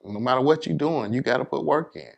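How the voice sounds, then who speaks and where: A New York City DJ in a casual interview speaks briskly in a creaky mid-range voice, and the recording has its highs cut off. He offers emphatic advice in informal slang.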